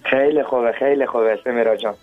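A man's voice: mid-range voice, steady tone, no room sound, soft background music. A man with a Herati Dari accent, a singer guest chatting politely on a radio show. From Herat, Afghanistan. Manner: polite, courteous greetings. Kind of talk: casual chat on a radio show. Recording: phone-like narrow sound.

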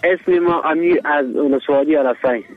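A man from Afghanistan phoning a radio show and speaking in slow, halting phrases. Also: fairly high pitch, no room sound, faint music behind. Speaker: radio caller. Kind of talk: phone call to a radio show. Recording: tinny phone line.

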